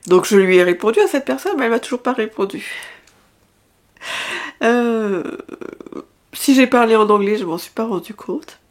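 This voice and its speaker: A woman's voice: a little high, expressive, normal speed, long pauses. A woman vlogger chatting casually, rambling and laughing often, with many restarts. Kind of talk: casual chat.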